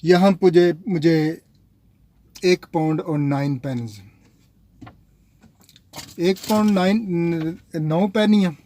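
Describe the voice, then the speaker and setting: With a dark tone and a voice on the high side, a man from Pakistan speaks slowly and pauses often. In a casual vlog he rambles chattily, addressing his viewers as "nazreen."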